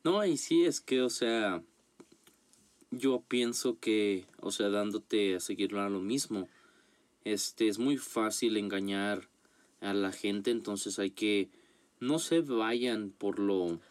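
A man's voice: on the low side, takes it slowly. A man, a guest on a casual podcast, who talks hesitantly with many fillers and restarts.

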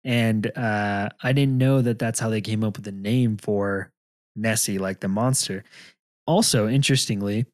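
A man's voice: on the low side, moderate pace, no room sound, clean studio sound. A man co-hosting a podcast, chatting casually in a rambling, hesitant way and laughing often. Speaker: podcast co-host. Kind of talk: casual chat.

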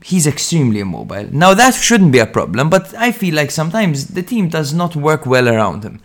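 A young man co-hosting a football podcast, giving frank, animated match analysis in casual chat, with the odd swear word. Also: a little high, brisk.

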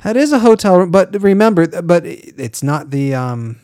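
A man's voice: high-pitched, very animated, warm tone, no echo, clean studio sound. Chatty man rambling on a podcast. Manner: rambling, trails off with blah blah, quick laughs. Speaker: podcast co-host. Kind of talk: casual chat.

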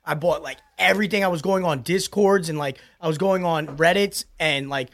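A man co-hosting a podcast, telling stories in animated casual chat. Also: a little high, normal speed, no room sound. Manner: animated storyteller, laughs often. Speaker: podcast co-host.

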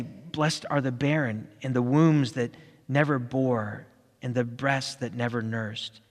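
A man reading the lines of Jesus in a calm, grave and solemn way, slow and low-voiced. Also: big-room sound, natural voice.

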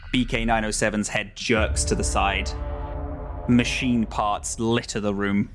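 A man narrating a tabletop role-playing game as game master, slowly describing scenes. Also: fairly low pitch, flat delivery, over music.

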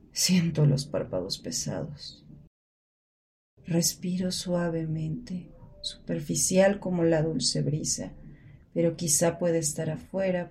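A woman's voice: low voice, voice pushed down. A woman voicing the murmured inner monologue of a drowsy, self-blaming young woman caught in depression. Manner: soft, murmured, sleepy delivery.

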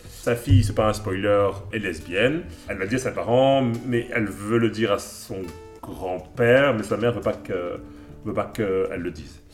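A man's voice: fairly low pitch, moderate pace, echoey room, soft background music. A man co-hosting a casual chat, recommending songs and films with enthusiasm, rambling through lots of fillers and restarts. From Belgium. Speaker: podcast co-host.

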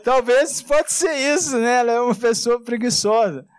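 A Brazilian man preaching a sermon as a pastor, in a conversational style full of rhetorical tag questions, slowing down and dropping low on key words. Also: clear, resonant tone, no room sound. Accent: Brazilian Portuguese. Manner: slows and drops low on key words, then rises fast.

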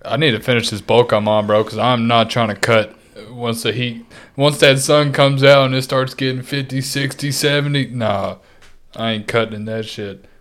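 A man's voice: medium pitch, fairly even intonation, normal speed, fairly bright tone. A man in his twenties co-hosting a podcast, trading joking, profane, slang-heavy banter with a friend. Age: 20s. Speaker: podcast co-host. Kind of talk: casual chat.

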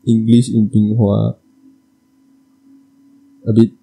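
Young male, Malaysian Chinese accent, very soft-edged dark timbre, colloquial code-switching, casual conversation. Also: lowish voice, level tone, slow, creaky, rough recording. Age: young adult. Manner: colloquial, mixes Mandarin into English, sentence-ending particles. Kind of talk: casual chat.

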